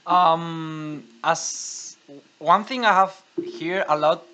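A man's voice: on the high side, extremely slow, sharp tone. A man hosts a casual podcast, introducing guests and asking questions in a conversational way. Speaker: podcast host.

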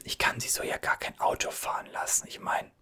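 A man's voice: a little fast, sharp tone, natural voice. A man whispering as a chatty, soothing gas station cashier in an ASMR roleplay, reassuring and rambling.

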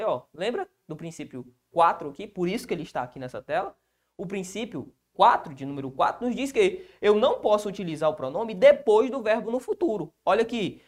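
A Brazilian man teaching grammar in an exam-prep video lesson. He asks his own rhetorical questions and answers them himself. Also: high-pitched. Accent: Brazilian Portuguese.

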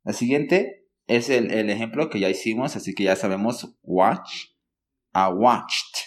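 In this language lesson, an English teacher with a fairly low voice takes a patient approach, frequently checking whether his listeners are following. He models example words slowly for them to repeat.

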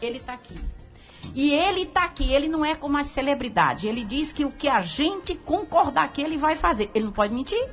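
Woman, radio pastor, high voice, emphatic preaching, frequent laughter, faint music behind. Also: very animated, fairly quick. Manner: emphatic and fervent, laughing often.

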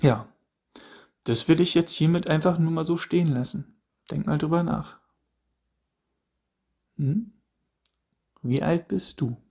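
A warm, husky male voice, on the high side, with vocal fry, a slow pace and long pauses. In his thirties, he hosts a casual solo podcast, musing out loud with repeated questions and many restarts.

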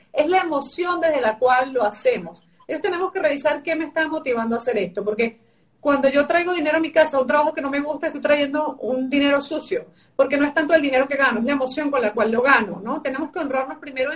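A woman's voice: high-pitched, quick pace, recorded from a distance. A woman giving emphatic, repetitive advice on a live stream, her voice tired and sore-throated. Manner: emphatic, repetitive teaching phrasing. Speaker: guest coach.

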